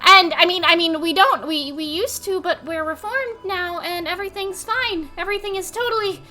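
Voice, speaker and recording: A woman with a cute anime streamer voice, chatting excitedly to her livestream viewers in a gushing, bubbly, giggly, highly energetic way. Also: normal speed. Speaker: VTuber streamer playing a mermaid character.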